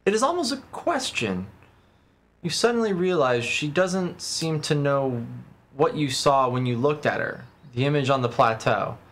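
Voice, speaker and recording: A man's voice: on the high side, animated, moderate pace, fairly bright tone. A man streaming a video game, switching between casual commentary and reading the game's text aloud. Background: game music.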